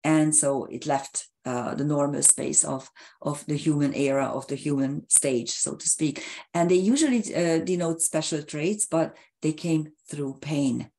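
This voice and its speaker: A woman astrologer explaining a chart in a halting, hesitant way, hoarse as she is losing her voice. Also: sits low, steady tone, warm tone. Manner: halting and hesitant, with frequent filler sounds and restarts.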